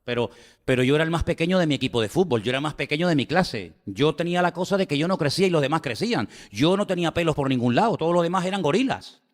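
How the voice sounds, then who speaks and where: Spanish pastor preaching in an echoing hall. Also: male voice, fairly high pitch, expressive, very fast. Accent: Spain Spanish. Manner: emphatic, repeats phrases, asks the congregation rhetorical questions. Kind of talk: sermon.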